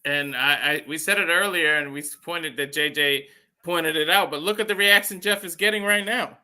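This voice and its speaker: A man's voice: a little high, normal speed, sharp tone. A man giving casual colour commentary as a wrestling co-commentator.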